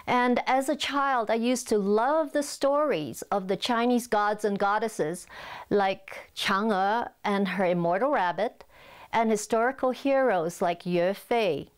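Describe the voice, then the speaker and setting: A woman in her sixties from Hong Kong, an artist telling her story calmly in an interview on a lapel mic. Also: medium pitch, smooth. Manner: calm, measured storytelling. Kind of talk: documentary interview. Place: living room, indoors.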